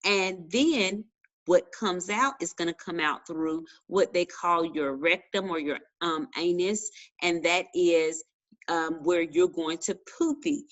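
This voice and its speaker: Brief: low-voiced woman teacher, chatty kids' science lesson. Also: slow pace, rough recording. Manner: chatty, talks while chewing a cracker; playful, addresses kids as boys and girls. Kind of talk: casual online lesson.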